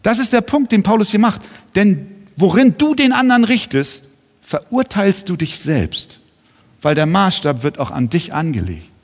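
A man's voice: high-pitched, very animated, moderate pace, long reverb tail. A man preaching a sermon as pastor, earnest and pressing his listeners with pointed rhetorical questions.

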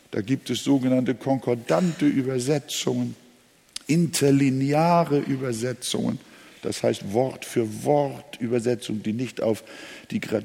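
A man's voice: mid-range voice, gravelly, warm tone, husky. A male pastor preaching a sermon, leaning hard on single words and repeating key phrases. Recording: long hall reverb.

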